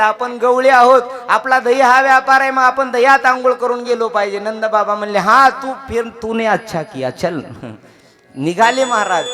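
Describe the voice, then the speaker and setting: A man from Maharashtra leads a devotional kirtan, spinning a story with lively asides to the crowd and calls to clap. His voice is strikingly high for a man. Clear devotional music runs underneath him. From Maharashtra, India. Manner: lively storytelling, addresses listeners, calls for clapping. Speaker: kirtan preacher.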